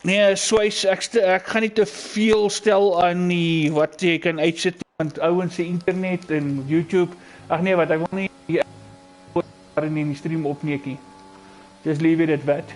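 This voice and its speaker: South African man, higher-pitched, Afrikaans accent. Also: steady tone, measured pace. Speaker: esports race commentator. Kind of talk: casual live stream commentary.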